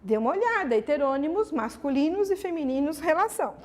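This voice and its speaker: High-voiced, lively Brazilian woman teacher. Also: a little fast. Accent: Brazilian Portuguese. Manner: asks herself the students' questions and answers them; lively, emphatic, many "ok?" and "né?" tags. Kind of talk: exam-prep grammar lesson.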